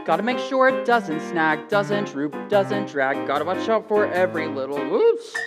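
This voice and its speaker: A woman's voice: fairly low pitch, animated, normal speed, loud music behind the voice, lightly acted. A woman playing a gloomy, hapless young boy in a stage musical, anxious and self-doubting, talking to himself, caught live on a theater stage with instruments playing. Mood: hopeful singing. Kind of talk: stage musical acting and singing.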